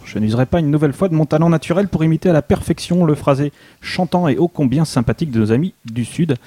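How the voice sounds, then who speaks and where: A man's voice: on the high side, fast talker, warm tone, breathy edge. A man co-hosting a radio show, reading a mock-solemn, ironic introduction. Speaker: co-host. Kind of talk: scripted humorous introduction.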